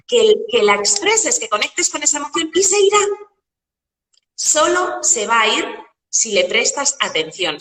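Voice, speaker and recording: A woman explaining emotions with metaphors and rhetorical questions in a lively, casual conversation. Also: on the high side, roomy sound, big-room sound, distant mic, rough recording. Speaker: guest coach.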